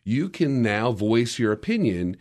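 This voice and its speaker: A man's voice: medium pitch, big pitch swings, unhurried, a little mellow. A man in a casual podcast discussion, explaining media history in a lecturing way with frequent restarts.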